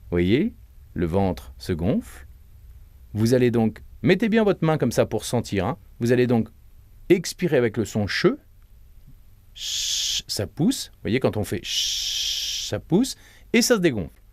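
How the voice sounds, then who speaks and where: A man teaching a breathing and voice lesson, guiding step by step and demonstrating breaths and hushing sounds in an encouraging way. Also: mid-range voice, normal speed, dry recording. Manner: lively, encouraging delivery. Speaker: voice and speaking coach.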